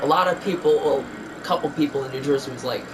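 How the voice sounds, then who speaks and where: A man's voice: fairly high pitch, fast talker. A man with a New York accent chatting casually while he plays, rambling with lots of restarts and asides. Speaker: gamer chatting while playing. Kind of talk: casual chat. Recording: steady background noise.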